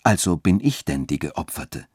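A man voicing a young widow who reasons calmly and gently but stays firm. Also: very deep voice, normal speed, breathy edge, dry recording, studio quality, full character voice. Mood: gently reasoning.

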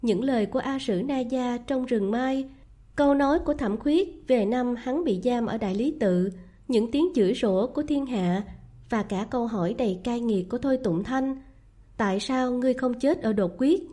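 A woman reads a romance novel aloud in a soft, measured, even style. Her voice sits fairly high, with a mellow, dark tone. She keeps a steady storytelling pace throughout. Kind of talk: scripted narration of a romance novel.

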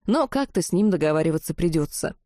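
A woman voicing a calm, wry female teacher of magic, speaking low and even. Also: fast talker, no echo, studio quality.

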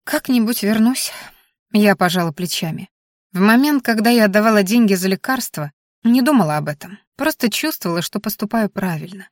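A woman narrating a first-person audiobook in a lively, expressive way, also reading her heroine's lines. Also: mid-range voice, brisk, dry recording, clean studio sound.

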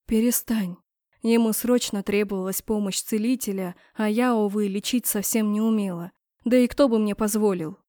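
A woman's voice: medium pitch, steady tone, normal speed, dark tone, dry recording. Woman reading an audiobook, dry close sound. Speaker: narrator. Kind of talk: audiobook narration.

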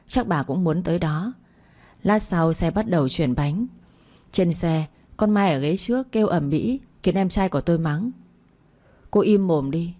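A woman narrating a dramatic first-person audio story in a steady storytelling manner. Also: lowish voice.

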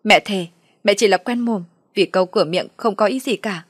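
A woman's voice: medium pitch, fast talker, slightly rough, no room sound, studio quality, lightly acted. A woman voicing a self-pitying, theatrical farm woman near sixty who complains tearfully. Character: wailing self-pitying old farm woman, mother-in-law.

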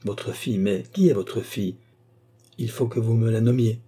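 A man's voice: fairly low pitch, moderate pace, warm tone, husky. A man voicing an earnest, formal middle-aged notary who speaks in careful legal phrases. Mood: insistent.

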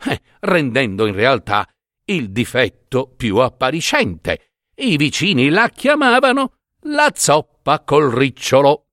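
Male storyteller, fairy tale reading, slow and very lively, dry close mic. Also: mid-range voice, no echo. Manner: expressive, unhurried.

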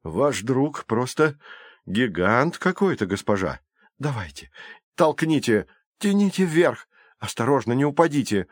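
A man voicing a good-humoured, courteous gentleman who jokes gently. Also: medium pitch, expressive, measured pace, breathy edge, no room sound, studio quality. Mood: directing, effortful.

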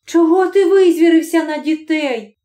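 A woman voicing a brisk housewife who scolds her husband with mocking disbelief, in an audiobook story. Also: very high voice, mellow, voice pushed up. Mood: scolding. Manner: scolding, incredulous.

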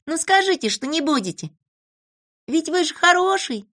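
A storybook reader voicing a kind little girl who gently coaxes and comforts. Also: high voice, animated, moderate pace, voice pushed up. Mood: coaxing. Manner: soft, coaxing, persuasive.

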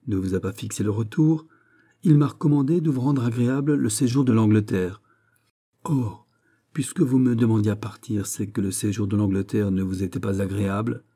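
A man's voice: on the low side, moderate pace, mellow, slightly rough. A man reading aloud, voicing a stern middle-aged king with a commanding, raised voice.

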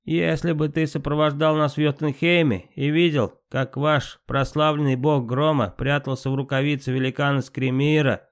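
A man's voice: fairly high pitch, level tone, moderate pace, hardly any pauses, pitched above the performer's own voice, natural voice. A man reading an audiobook, voicing a spiteful, insolent male trickster god of fire who talks back with scorn. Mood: defiant, mocking. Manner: mocking, defiant.

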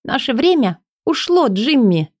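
A woman voicing a torn young woman in an audiobook, speaking high and breathless as she pleads. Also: sing-song, measured pace, a little mellow, dry recording, clean studio sound, full character voice. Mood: tender pleading.

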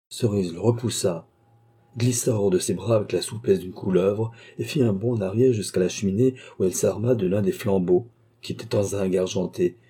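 A man narrating a classic novel as an audiobook, in a measured, dramatic reading. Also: deep voice, mellow, slightly rough.

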